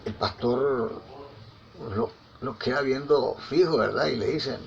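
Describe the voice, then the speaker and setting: A man's voice: mid-range voice, slow pace, vocal fry, slight background noise. A man preaching a conversational sermon, telling anecdotes with frequent tag questions and repeated words. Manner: repeats and restarts words often. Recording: slightly dull lo-fi with faint ambience.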